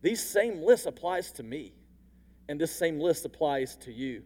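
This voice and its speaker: A man preaching a sermon as a pastor, moving between quiet intimate passages and loud emphatic ones. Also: a little high, animated, unhurried, in a large hall.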